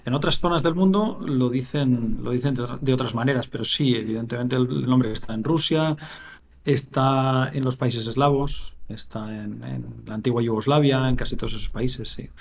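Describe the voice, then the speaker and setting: A man answering as an interview guest, relaxed and plain-spoken. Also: medium pitch, moderate pace, vocal fry, highs cut off. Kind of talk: casual interview.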